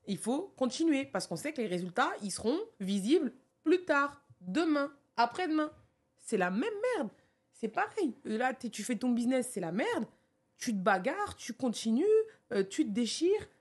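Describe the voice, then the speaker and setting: Woman chatting away, kinda high voice, lively and slangy, lots of euh. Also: moderate pace, breathy edge. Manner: animated, colloquial, many fillers. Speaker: podcast co-host. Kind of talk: casual conversation.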